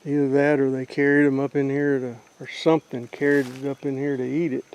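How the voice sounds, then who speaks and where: Walking through the woods for a vlog he co-hosts, a middle-aged man talks casually and plainly, fairly quickly, in a level, mid-range voice that is a little mellow. There's a faint hiss of noise in this outdoor field recording.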